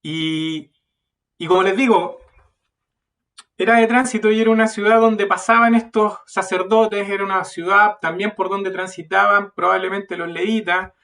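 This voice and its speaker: A man preaching a sermon at a youth meeting, earnest and building to loud emphasis. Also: sits high, recorded from a distance.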